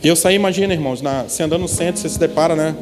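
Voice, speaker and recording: A man's voice: on the high side, rapid-fire, big-room sound. A man preaching a testimony sermon, telling a story and asking the congregation frequent rhetorical questions. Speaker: pastor. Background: background instrumental music.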